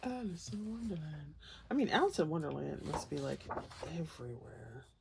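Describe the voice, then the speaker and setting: With a deep, gravelly voice, a woman hosts a flip-through of a colouring book, talking casually to viewers over the pages. She's very animated and speaks at a normal pace, rambling in a folksy, playful way, with noise in the background.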